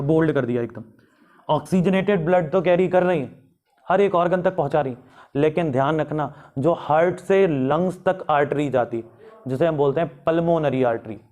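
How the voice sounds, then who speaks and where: A man's voice: fairly high pitch, a little mellow. A man teaching biology, asking questions aloud and answering them himself, drawing out key terms. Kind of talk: classroom lecture.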